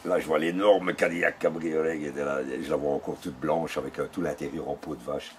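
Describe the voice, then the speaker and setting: With a rumbling low voice and a fairly quick delivery, an older Belgian man shares recollections in a casual storytelling interview. His Belgian French accent is clear, and he enthusiastically imitates the exchanges he describes over slight background noise.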